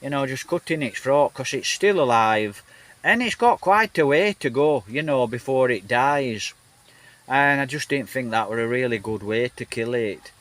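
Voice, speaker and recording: A man's voice: mid-range voice, lively intonation, moderate pace, a bit bright. A man with a Northern English accent chatting casually into a phone, rambling and repeating himself with lots of fillers. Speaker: vlogger. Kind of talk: casual rambling vlog chat. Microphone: phone held in hand, then on a gimbal.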